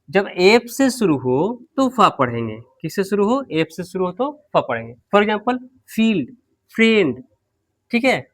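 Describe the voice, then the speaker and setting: A man teaching English pronunciation in an online class, unwell with a slightly low voice, repeating words slowly and quizzing his students. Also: fairly bright tone.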